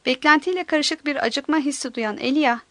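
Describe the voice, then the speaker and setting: Woman narrating an audiobook, high voice, dry close sound, steady storyteller. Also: moderate pace, no echo.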